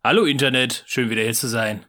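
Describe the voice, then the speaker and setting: A man's voice: mid-range voice, fast, pushed and bright. A man in casual, opinionated podcast chat, speaking in a blunt, colloquial way. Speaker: podcast panellist.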